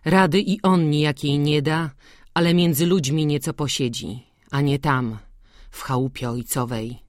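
Slow, measured audiobook narrator. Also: mid-range voice, steady tone, dry recording, studio quality. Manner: measured, unhurried reading.

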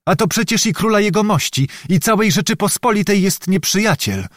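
Servant role: shrewd, unhurried young man, read by a male narrator, lifted, animated delivery in a dry booth. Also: high-pitched, no echo, pitched above the performer's own voice. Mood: sly. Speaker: storyteller within the tale.

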